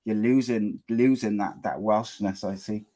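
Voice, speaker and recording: This man's voice is fairly low and dark, a little slow, with fairly even intonation. He hosts a live podcast in a relaxed, chatty way, using lots of fillers and restarts as he introduces guests and runs the program.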